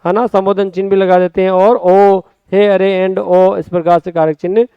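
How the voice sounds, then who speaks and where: A man teaching a spoken exam-prep Hindi lesson, lively, stretching words out and calling his students friends, with a Rajasthani Hindi accent. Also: high-pitched, normal speed, smooth, no room sound, dull audio. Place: classroom or studio.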